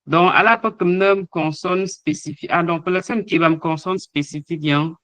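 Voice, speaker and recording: A man's voice: on the high side, steady tone, moderate pace, a bit bright, dry recording, poor audio. A man teaching an online language lesson, hesitating often with fillers as he sounds out letters and example words. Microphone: online call microphone.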